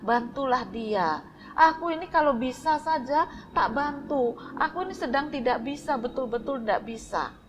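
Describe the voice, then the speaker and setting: A woman's voice: high voice, lively intonation, normal speed, a little hiss or hum, pitched above the performer's own voice, poor audio. A woman voicing a busy mother who is harried and insistent in a devotional story.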